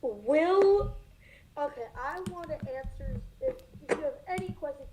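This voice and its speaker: A woman with a very high voice rambles through a casual live weather chat, piling up fillers. A faint hiss sits under her voice. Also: animated, unhurried, warm tone, poor audio. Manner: rambling, chatty, many fillers. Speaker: co-host of storm livestream.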